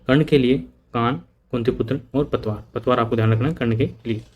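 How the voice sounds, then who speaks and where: A man's voice: mid-range voice, fairly even intonation, fairly quick, dull audio. A man teaching an exam prep lesson, repeating word lists and checking in with "okay" often. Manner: repeats points with frequent "ठीक है" checks; mixes English terms into Hindi explanation.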